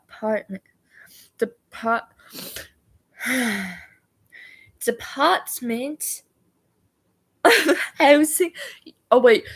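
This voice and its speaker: A woman livestreaming casually, rambling and stumbling over words as she reads homework aloud. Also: a little high. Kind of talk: casual livestream chat while doing homework.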